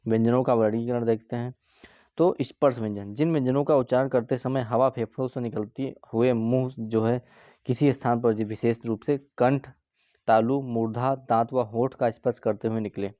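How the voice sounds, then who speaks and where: A man teaching an exam-prep Hindi grammar lesson, explaining step by step and slowly sounding out each letter with drawn-out vowels. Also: mid-range voice, fairly even intonation, no echo, dull audio. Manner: drawn-out demonstration sounds with frequent fillers.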